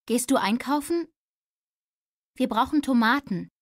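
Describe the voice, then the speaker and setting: A woman's voice: high voice, animated, a little slow, dry recording, studio quality. A woman acting a cheerful wine seller in a scripted language-lesson dialogue. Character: friendly woman selling wine.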